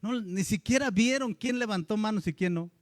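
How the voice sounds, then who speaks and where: A man with a Mexican Spanish accent, a pastor preaching a lively sermon and acting out the voices of churchgoers. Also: high voice, moderate pace, dry recording.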